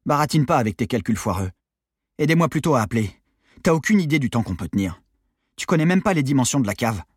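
A man voicing a brash, foul-mouthed teenage girl who shouts and rants in a high, raised voice. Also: sing-song, quick pace, husky, no room sound, clean studio sound. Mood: shaky defiance. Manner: shouting, loud and pushy.

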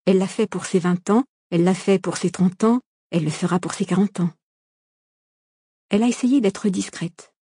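A woman reading a novel aloud as an audiobook narrator, calm and measured, recorded on a close studio microphone. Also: medium pitch, slightly rough, no echo. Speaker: audiobook reader.

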